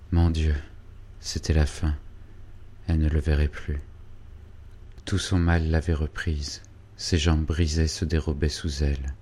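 Un homme qui lit un roman classique d'un ton posé et solennel. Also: male voice, very deep voice, dark tone. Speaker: audiobook reader. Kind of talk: scripted narration of a novel.

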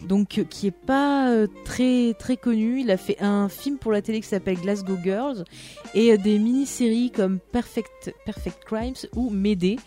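A woman's voice: medium pitch, unhurried, warm tone, faint music behind. A woman hosting a casual chat about TV series, chatty and teasing, often laughing. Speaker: podcast host.

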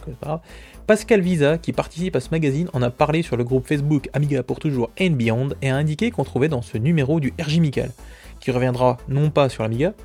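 A man's voice: medium pitch, mellow, husky. A man hosting a podcast, running through a casual news roundup with chatty, self-mocking asides and frequent fillers. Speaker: podcast host.

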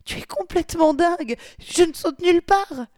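A woman voicing a frightened young woman who pleads in a high voice. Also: normal speed, warm tone, no echo, clean studio sound, close to an everyday voice. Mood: pleading.

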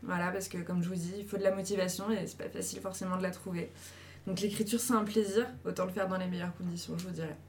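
A woman's voice: fairly low pitch, steady tone, fast, slight background noise. A woman casually giving viewers encouraging advice, chatty and full of fillers. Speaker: host giving writing advice.

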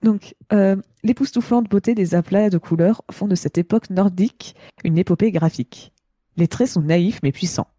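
Casual podcast panelist: woman, twenties, hoarse gravelly voice from a cold, mellow dark tone, close dry sound. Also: medium pitch, moderate pace, no room sound. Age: 20s. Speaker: podcast panelist reading out reviews. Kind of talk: casual chat.

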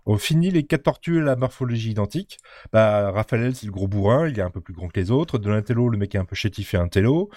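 Lowish voiced guy a bit sick, slight cough, reviewing stuff, dry close mic. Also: lively intonation, quick pace, a little mellow, no echo. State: recovering from illness, slight cough. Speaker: podcast co-host. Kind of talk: casual review chat.

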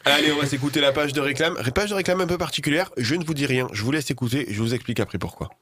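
A man's voice: fairly high pitch, rapid-fire, pushed and bright. A man hosting a casual radio show, joking around and laughing often. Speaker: radio host.

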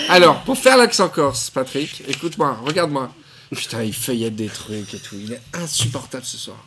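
A man hosting a casual podcast chat, joking and teasing his guests in an excitable way. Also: mid-range voice, normal speed, noisy background. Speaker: podcast host.

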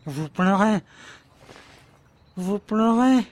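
A man's voice: high voice, lively intonation, drawn-out words, heavily acted. A man playing an adoring, anxious young lover in an amateur audio drama, talking tenderly and pressing for answers. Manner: tender, pleading, insistent. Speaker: voice actor.

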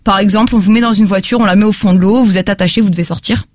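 A woman's voice: medium pitch, rapid-fire, no room sound. A woman presenting her podcast pick in a casual French chat, chatty and full of fillers. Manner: chatty, animated, many fillers. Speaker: podcast reviewer.

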